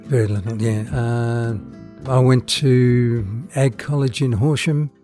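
A man's voice: medium pitch, fairly even intonation, slow pace, warm tone, soft background music. An older man with an Australian accent, born in the Netherlands, chatting hesitantly about his life as a climate activist with lots of ums. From born in the Netherlands, raised in Australia. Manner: chatty, hesitant with many ums, laughs at his own stories. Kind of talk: casual storytelling. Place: outdoors on a street corner.

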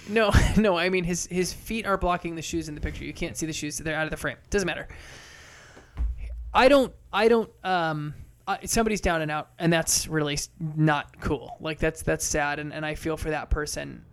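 A man's voice: fairly high pitch, moderate pace. A man co-hosting a casual podcast, talking animatedly and swearing with exasperation. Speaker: podcast co-host.

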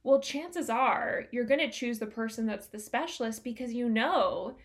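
A woman's voice: on the high side, lively intonation, normal speed. A woman hosting a solo business-coaching podcast, talking in an upbeat, conversational way with plenty of fillers.

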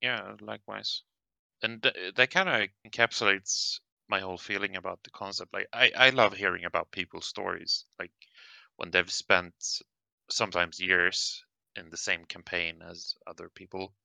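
A man co-hosting a casual chat for his channel, easygoing and quick to laugh. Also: sits low, fairly even intonation, vocal fry, pushed and bright, dry recording. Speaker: channel co-host.

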